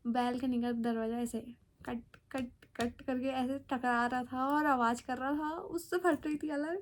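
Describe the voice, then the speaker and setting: A young woman, casually telling a dramatic personal story with many fillers. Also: a little high. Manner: chatty, dramatic retelling with fillers.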